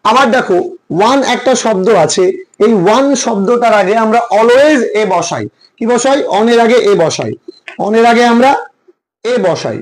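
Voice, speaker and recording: Male English tutor, Bengali accent, very high voice, drills rules through repeated questions. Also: low-quality recording. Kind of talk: classroom lecture.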